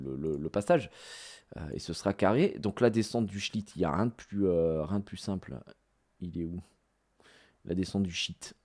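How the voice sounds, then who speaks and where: A man's voice: sits low, dark tone. French guy rambling on stream, lots of euh, voice jumping all over. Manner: rambling, many fillers and restarts, slangy. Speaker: streamer recounting a theme park outing. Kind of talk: casual live-stream storytelling.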